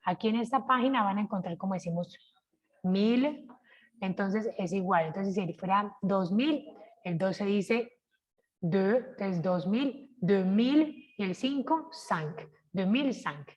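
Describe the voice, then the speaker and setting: Una maestra colombiana con acento de su tierra dicta una clase virtual de francés. Su voz femenina, de altura media, avanza sin prisa, con pausas para preguntar si el grupo entiende y repeticiones lentas de cada expresión. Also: female voice, mid-range voice, lo-fi sound. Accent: Colombian Spanish. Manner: slow, careful pronunciation of French examples; checks in with frequent "¿cierto?". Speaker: French teacher. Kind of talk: online class, sharing screen.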